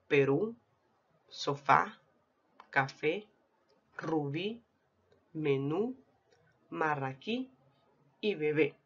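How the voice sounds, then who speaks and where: A woman teacher narrating a recorded lesson in a deliberate, explanatory way, reading out lists of example words one by one. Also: fairly low pitch, gravelly, breathy edge. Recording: dull lo-fi recording.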